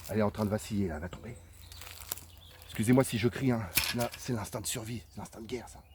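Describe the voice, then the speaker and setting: A man's voice: on the low side, rapid-fire. Man, comic mock-hunt host, over-the-top outdoor commentary with birds and nature noise behind. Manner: exaggerated, theatrical, addresses viewers as friends. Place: outdoors in a forest.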